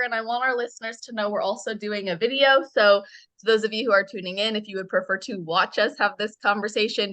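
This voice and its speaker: A woman's voice: mid-range voice, sharp tone, no echo. A woman hosting a podcast, reading an upbeat intro and then chatting with her guest. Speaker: podcast host. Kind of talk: podcast interview.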